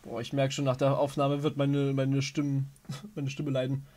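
A woman's voice: a bass voice, monotone, a little slow, warm tone. A woman giving playful, informal commentary as she plays a video game. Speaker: gaming video creator. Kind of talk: casual let's play commentary.

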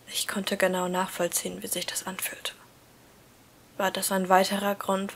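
A woman reading a novel aloud in first person, in a steady, even storytelling manner. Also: mid-range voice. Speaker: story reader.

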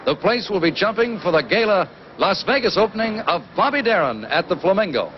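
A man's voice: high-pitched, very animated, fairly quick, lo-fi sound, heavy background noise. A man narrating a 1960s newsreel in an upbeat showbiz voice-over, with the sound of an old newsreel.

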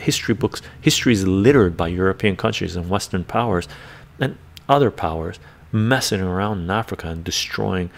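Deep and touched with vocal fry, this older man's voice carries a congested chest. He hosts a casual livestream from a bookshelf-lined room at home, rambling, chuckling and reading viewer comments aloud into a desk microphone in front of him.

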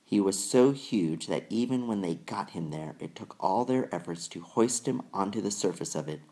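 A man reading a children's novel aloud in measured, deliberate storytelling narration. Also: deep voice, animated, dark tone. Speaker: audiobook reader. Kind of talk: scripted narration.

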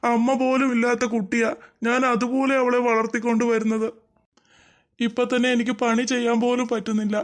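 A protective, hard-up single father who scolds and complains, played by a male cartoon voice actor. The voice rides very high for a man, strained and reedy.

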